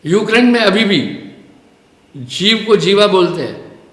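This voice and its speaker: A man's voice: sits high, animated, a little slow. Man, spiritual teacher, preaching discourse, storytelling manner, reverberant hall. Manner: storytelling, explanatory preaching with spoken asides. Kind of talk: live satsang discourse. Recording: echoey hall with long reverb.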